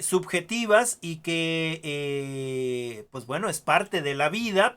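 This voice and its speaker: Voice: medium pitch, a bit bright. A teacher gives an online class, explaining through stories and examples, with many filler sounds and questioning tags.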